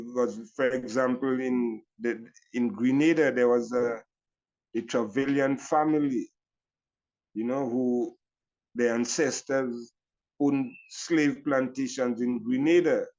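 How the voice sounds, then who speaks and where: Older Caribbean man, Rastafari reasoning, dull recording. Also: mid-range voice. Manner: Rastafari elder's reasoning speech, deliberate phrasing with repetitions and "you know". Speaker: Rastafari elder. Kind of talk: reflective reasoning talk.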